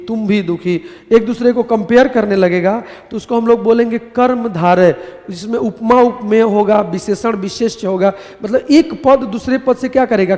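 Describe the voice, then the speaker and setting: A man's voice: sits high, long reverb tail. A man teaching grammar in a live class, telling little stories and asking questions that he answers himself. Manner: animated storytelling, asks and answers his own questions.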